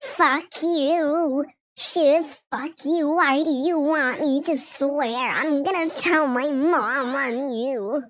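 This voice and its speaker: A woman's voice: sits high, no echo, voice pushed up. A woman talking casually through a voice changer that makes her sound like a small, cheeky child. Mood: bratty. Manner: slow, chatty, testing the device. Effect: voice changer making her sound like a little kid. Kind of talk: casual streaming chat.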